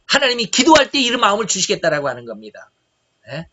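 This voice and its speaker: Bright high-voiced Korean preacher, lo-fi. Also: male voice, huge pitch swings, quick pace. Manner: emphatic preaching, rhetorical questions, shifting loudness. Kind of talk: sermon. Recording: dull lo-fi recording.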